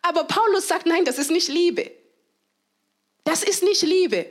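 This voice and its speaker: A high-pitched woman delivers a sermon at an unhurried pace. She stays animated, laughs easily and acts out cheering and quoted voices. She slows down sharply to stress the key phrases. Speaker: preacher.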